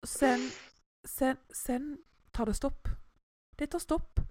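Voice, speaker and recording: A young woman chatting casually, telling a story with lively acted-out quotes. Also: high-pitched, no echo. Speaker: podcast co-host. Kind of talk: casual chat.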